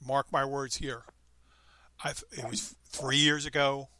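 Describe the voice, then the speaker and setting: A man's voice: mid-range voice, little pitch movement, takes it slowly, pushed and bright, no room sound. A man in his fifties hosting a podcast, chatting casually and rambling with frequent restarts. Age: 50s. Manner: rambling, upbeat, self-interrupting. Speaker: podcast host. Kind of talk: casual chat.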